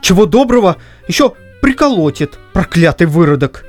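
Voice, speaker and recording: A woman's voice: lowish voice, sing-song, normal speed, darkish tone, faint music behind, pitched above the performer's own voice. A woman voicing a stubborn, grumbling older Cossack man in an audiobook reading, with a whiny, indignant manner. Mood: sly. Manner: whiny, indignant, muttering to himself. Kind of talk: audiobook reading of a classic story.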